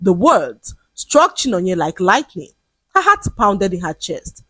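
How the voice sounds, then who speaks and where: A woman narrating a folktale with lively, animated pitch and a husky grain to her voice. The recording is close and completely dry. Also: unhurried, no room sound. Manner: lively, expressive storytelling. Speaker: storyteller.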